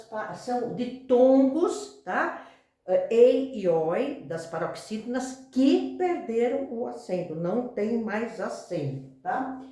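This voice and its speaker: A woman's voice: mid-range voice, darkish tone. A woman teacher explaining a grammar rule to her class, repeating each point and checking in with short questions. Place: classroom with a whiteboard. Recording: very echoey room.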